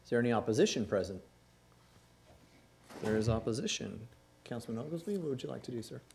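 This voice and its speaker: A man chairing a council meeting with measured, orderly, formal procedure. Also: mid-range voice, animated, vocal fry, a little mellow. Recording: noisy room ambience.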